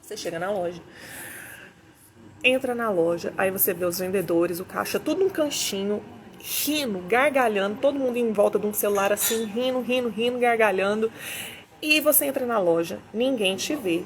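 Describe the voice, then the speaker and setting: A woman's voice: mid-range voice, normal speed, a little hiss or hum. A woman, a business consultant giving a teaching talk into a Bluetooth mic, acting out both sides of her anecdotes. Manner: animated storyteller, voices both sides of dialogues.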